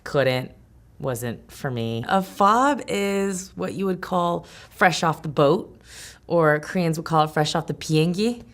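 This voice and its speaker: Low, gravelly woman. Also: lively intonation, unhurried. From Los Angeles, USA. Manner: casual, lots of "like" and "you know", frank. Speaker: interviewee telling her life story. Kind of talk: candid personal storytelling.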